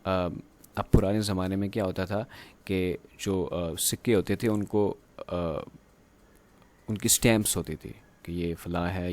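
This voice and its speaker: A man teaching a grammar lecture. He explains slowly and haltingly, with drawn-out pauses, and reads textbook lines aloud in English. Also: low voice, darkish tone.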